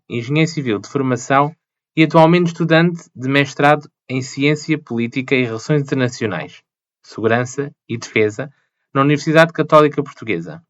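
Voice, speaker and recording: A man hosting a podcast, opening the episode with a measured scripted introduction read from a prepared text. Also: medium pitch, fairly bright tone, no echo, highs cut off. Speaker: podcast host.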